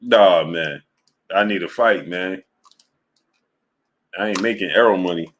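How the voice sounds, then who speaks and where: A man hosts a casual sports live stream, reading super chats and telling stories in an animated way. His voice sits a little low but sounds bright and forceful. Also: unhurried, slight background noise. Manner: animated storytelling, reads super chats, laughs often. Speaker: sports channel host.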